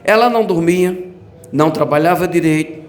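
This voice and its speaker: A man with a Brazilian accent, preaching a fervent church sermon with many hallelujahs and bursts of shouting. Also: fairly high pitch, moderate pace, soft background music. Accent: Brazilian Portuguese. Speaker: pastor.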